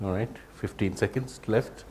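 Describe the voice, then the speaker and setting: A man presenting a public speaking workshop, lively and joking with the audience. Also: on the low side, normal speed, slight background noise. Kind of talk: live workshop talk.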